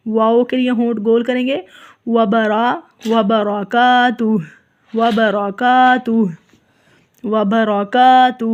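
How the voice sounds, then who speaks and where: A woman teacher giving a recitation lesson in Urdu. She says words slowly and repeats them, then explains quickly, and often checks in with "okay?". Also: on the high side. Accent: Pakistani Urdu.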